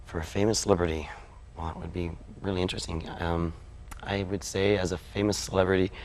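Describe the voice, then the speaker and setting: A man's voice: low-pitched, flat delivery, quick pace. A man giving casual, unscripted answers as a contestant on a game show.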